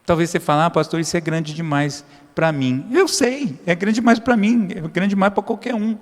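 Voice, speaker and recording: A pastor preaching a sermon in a high voice. He moves between loud, raised emphasis and low, hushed asides, and slips into short, familiar prayers. His voice rings with the long reverb of a church hall. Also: moderate pace.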